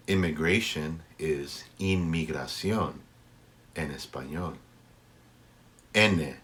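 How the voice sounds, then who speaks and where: A man giving a language pronunciation lesson as a teacher, with measured, instructive delivery and deliberately enunciated example words. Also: deep voice, fairly bright tone.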